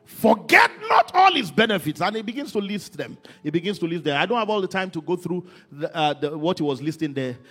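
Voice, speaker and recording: A man preaching a sermon, moving from quiet talk to shouted, sing-song emphasis. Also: a little high, quick pace, few pauses, soft background music. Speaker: pastor.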